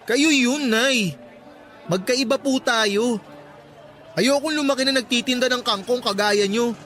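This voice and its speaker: In a Tagalog radio drama, an actor plays a resentful young son who whines and talks back to his mother, sulky, complaining and defiant. His mid-range voice is fairly bright and a little slow, with light acting.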